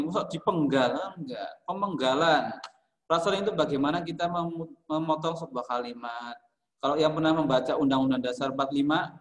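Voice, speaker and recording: A man's voice: fairly high pitch, reverberant. A male music teacher from Indonesia teaching a class online, calling on students by name and explaining each term. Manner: calls on students by name, repeats their answers and explains.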